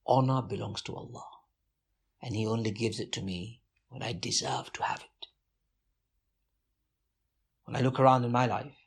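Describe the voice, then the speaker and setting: A man speaks slowly and earnestly, as though reflecting aloud for an interviewer. His voice has a gravelly edge and a husky grain throughout. The tone stays devout and measured. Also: mid-range voice.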